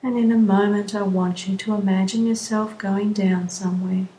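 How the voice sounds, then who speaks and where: A woman slowly leading a guided relaxation session in a soothing, drawn-out way. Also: mid-range voice, fairly even intonation, warm tone. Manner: slow, soothing, drawn-out phrasing. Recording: roomy echo, faint background ambience.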